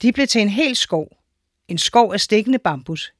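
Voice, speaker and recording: Female narrator for a children's story, clear and measured; dry close recording. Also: medium pitch, animated, no room sound.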